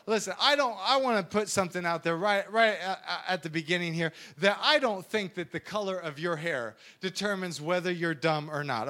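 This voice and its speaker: A young man preaching an energetic sermon, animated and joking, acting out silly voices as he goes. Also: high-pitched.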